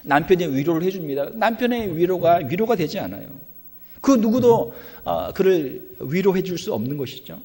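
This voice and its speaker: A man's voice: high-pitched, sing-song, moderate pace, a little mellow. A male pastor preaching a sermon in a conversational style, full of rhetorical questions. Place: church sanctuary. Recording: reverberant church hall.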